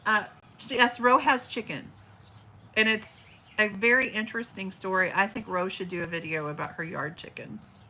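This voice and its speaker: Hosting a casual livestream from home by an open window, with birds outside, a woman in her forties reads viewer comments in a chatty, affectionate big teacher voice, often using fillers and restarting. She speaks at a moderate pace in a medium pitch that's steady, bright and forceful. The low-quality recording has a little hiss or hum.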